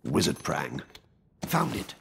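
An actor playing a genial, dryly jaunty British World War II mission guide in a video game, speaking in colloquial slang. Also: male voice, extremely low pitch, wildly swooping pitch, takes it slowly, creaky, fairly bright tone, slight background noise, exaggerated voice. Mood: pleased.

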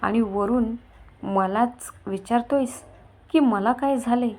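A woman voicing a jealous young husband who hurls scornful, shouted accusations in a storybook reading. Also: on the high side, takes it slowly. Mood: jealous fury.

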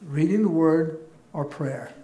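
A male pastor delivers an informal sermon in an echoey church sanctuary, trading easy jokes with his congregation. His voice is a little high and his pace is slow, and his manner stays relaxed throughout.

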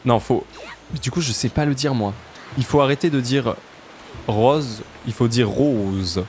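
Chatty southern French streamer. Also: male voice, fairly quick, darkish tone, a little hiss or hum. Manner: chatty, jokey, jumps to high pitch for emphasis. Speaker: let's play streamer. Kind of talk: casual gameplay commentary.

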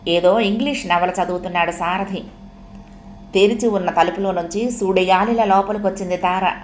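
Woman narrating an audio novel, echoey room. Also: medium pitch. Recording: echoey room, faint hiss.

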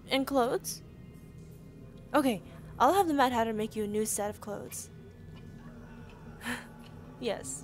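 A woman voicing a deferential, apologetic female rabbit servant, polite and formal, in an audio roleplay drama. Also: sits high. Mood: helpful.

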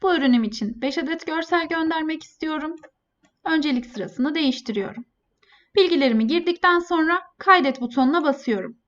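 A woman presenting a scripted step-by-step software tutorial in a polite, formal customer service manner. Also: high-pitched, brisk. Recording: dull, lo-fi voice-over.

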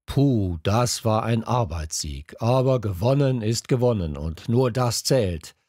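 A brisk, rallying sports coach, as a male reader voices him. The voice swings up and down with drive yet stays unhurried, recorded close and dry. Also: on the low side, animated, a little mellow, dry recording. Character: hearty sports coach, grown man. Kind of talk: children's audiobook reading.

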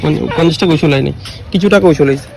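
Filming a casual vlog on his phone beside a lake in an outdoor park near the street, this young West Bengal man talks rapid-fire in a somewhat high, slightly mellow voice with some vocal fry. Playful and talkative, he addresses viewers as brother, with slight background noise.

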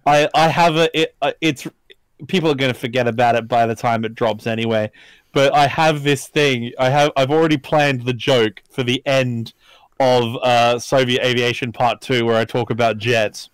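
A man chatting excitedly with friends on a casual live stream about aircraft, now and then putting on mock voices for jokes. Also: medium pitch, moderate pace, smooth, no echo. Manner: enthusiastic, puts on mock Soviet voices for jokes. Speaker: history YouTuber on a group live stream. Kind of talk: casual banter.

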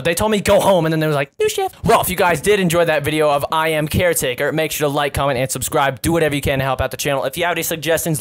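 A man commentating a horror game, excitable, with a voice that cracks, jumping from yelps and shouts to low mumbling. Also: slight background noise. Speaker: gaming YouTuber.

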